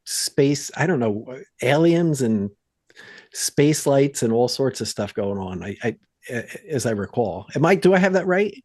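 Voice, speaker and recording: A woman's voice: a bass voice, expressive, measured pace, a little mellow. A woman podcast host chatting casually, asking questions and laughing along. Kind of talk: casual chat.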